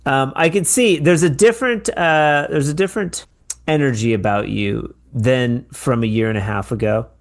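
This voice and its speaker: A man hosting a podcast in casual conversation, encouraging and thoughtful, with a halting delivery. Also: medium pitch. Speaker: podcast host.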